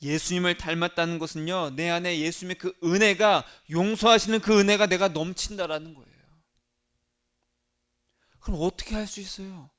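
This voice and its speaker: A male pastor with a high-pitched voice delivers a sermon. He keeps asking his listeners questions and answering them. His delivery rises to loud emphasis and drops to soft, low asides. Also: fairly even intonation, normal speed. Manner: asks the congregation questions and answers them himself.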